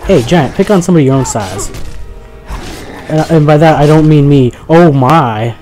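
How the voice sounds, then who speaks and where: A young man giving casual, chatty let's play commentary, joking with his viewers and reacting out loud as he plays. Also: fairly high pitch, expressive, moderate pace, soft background music. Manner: chatty, jokey, talks to the viewers, easily startled. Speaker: gaming commentator.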